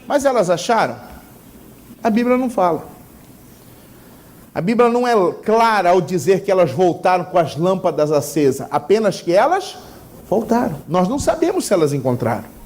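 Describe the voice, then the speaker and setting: A Brazilian woman preaching a sermon who keeps asking the congregation questions and pausing for their answers. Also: mid-range voice, a little mellow. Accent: Brazilian Portuguese. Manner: asks the congregation rhetorical questions and leaves gaps for them to answer; fervent and emphatic.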